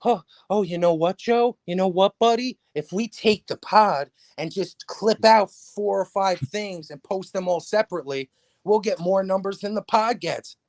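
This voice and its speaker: A wheedling, eager loser of a producer pitching ideas in a nasal, high voice, put on by a podcast host. The voice climbs well above his usual register and sounds dry and close. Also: moderate pace, no room sound. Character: whiny, smug male podcast producer, loser.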